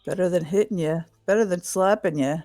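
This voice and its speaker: A woman's voice: fairly low pitch, brisk, warm tone, dry recording, soft background music. A woman chatting casually as a tabletop game player, in short, clipped remarks.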